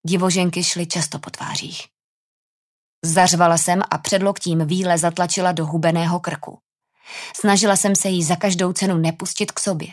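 Woman audiobook narrator, low-pitched, tense dramatic first-person reading. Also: steady tone.

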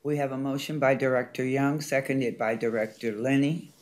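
The board president, a man, chairs a formal meeting by reading the agenda and calling motions and votes. He has a medium-pitched, darkish voice with a steady tone and moderate pace.

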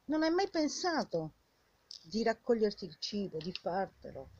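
Older woman, raspy old woman's voice, widely swinging intonation, indignant rhetorical questioning. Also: medium pitch, sing-song, unhurried, a little mellow. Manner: indignant, scolding, rhetorical questions and repeated phrases. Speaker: vlogger. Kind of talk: impassioned informal monologue addressed to the viewer. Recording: dull lo-fi sound.

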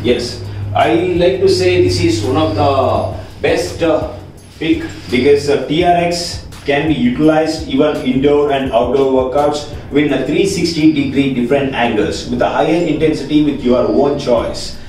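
Young male trainer, slightly higher voice. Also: moderate pace, darkish tone, a little hiss or hum. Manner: filler-heavy, says "guys, like". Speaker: fitness trainer. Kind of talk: equipment walkthrough. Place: small room in a home gym. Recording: echoey room, distant from mic.

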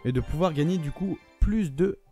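A young man with a French accent commentates his own mobile game matches in a worn, hoarse voice. He swears constantly and flares up at his opponents. His pitch sits a little high but his tone is mellow, with faint music playing behind him. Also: expressive. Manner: swears a lot, quick to anger, rants at opponents. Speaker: gaming video creator. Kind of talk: live gameplay commentary.

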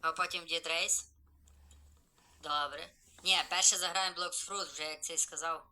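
A man live-streaming a game, chatty and excited, greeting viewers as he plays. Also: fairly high pitch, unhurried, rough recording.

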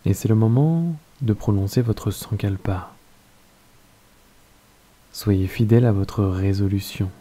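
French male meditation guide, deep and soft-spoken, slow calm delivery. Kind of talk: guided yoga nidra meditation.

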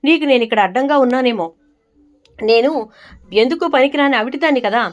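A woman's voice: high-pitched, a little fast, lightly acted. A woman voicing a hurt young wife who apologizes tearfully to her mother-in-law.

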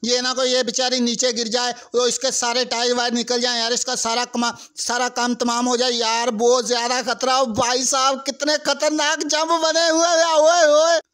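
Young pakistani guy narrating car crash gameplay, really high smooth voice, talks to viewers a lot. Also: normal speed, hardly any pauses. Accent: Pakistani Urdu. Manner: chatty, excitable, keeps addressing viewers. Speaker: gaming channel host. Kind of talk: casual gameplay commentary.

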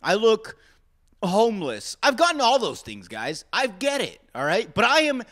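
Podcast host, man from Arizona, bright tone, lively pitch; rambling and self-mocking. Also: moderate pace. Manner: rambling, self-mocking, talks straight to listeners. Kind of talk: casual solo podcast rant.

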